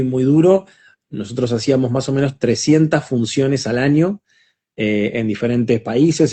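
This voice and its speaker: A man's voice: medium pitch, mellow. A man being interviewed as a guest voice actor, talking in a reflective, casual way with frequent small restarts.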